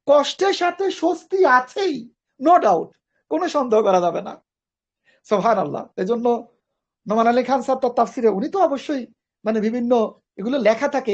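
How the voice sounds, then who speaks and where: A woman's voice: fairly high pitch, a little mellow. A woman from Bangladesh, teaching an online grammar class. She explains step by step, repeats key phrases and mixes in English grammar terms. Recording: dull lo-fi recording.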